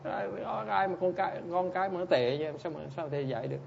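A man's voice: high-pitched, quick pace, creaky, highs cut off, a little hiss or hum. A man giving a dharma talk as a Buddhist teacher, speaking bluntly and in a teasing way as he answers listeners and keeps prompting them with short questions.

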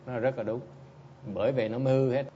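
A male Buddhist teacher gives a dharma talk, speaking bluntly and teasingly and often tossing short questions back at his listeners. His voice sits at a middle pitch. The recording is dull and lo-fi, with a faint hiss underneath. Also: steady tone, fairly quick, dark tone.

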